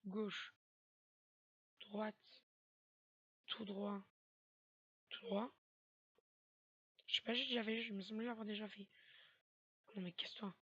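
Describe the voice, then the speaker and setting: Bright, husky woman gaming commentary. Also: medium pitch, steady tone, slow pace, long pauses, dry recording, highs cut off. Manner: swears a lot, panicky shouted reactions. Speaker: gamer playing a horror game. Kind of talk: let's play commentary.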